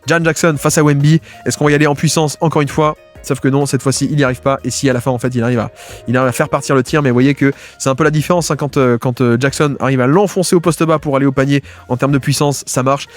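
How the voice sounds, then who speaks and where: A man giving casual, fast-paced commentary as he breaks down basketball game film, with many fillers and restarts. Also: mid-range voice, steady tone, soft background music. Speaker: basketball video analyst.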